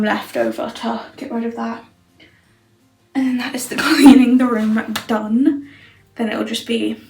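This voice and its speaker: A woman's voice: fairly high pitch, vocal fry, a little mellow, echoey room, low-quality recording. A young woman vlogging casually from a bedroom, rambling through her plans with lots of fillers. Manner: rambling, filler-heavy, thinking aloud. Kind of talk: casual vlog chat. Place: bedroom indoors.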